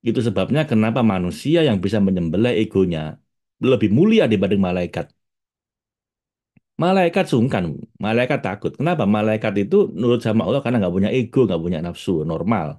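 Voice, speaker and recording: A man gives a relaxed spiritual talk. He speaks as a teacher, chatty and direct with his listeners, often breaking into laughter. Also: lowish voice, fast. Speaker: religious teacher.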